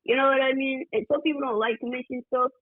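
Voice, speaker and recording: A man's voice: very high-pitched, quick pace, no echo. Laid-back man on a tinny phone line. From Georgia, USA. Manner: relaxed, rambling, many fillers like "like" and "you know". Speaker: guest music producer. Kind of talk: casual interview chat.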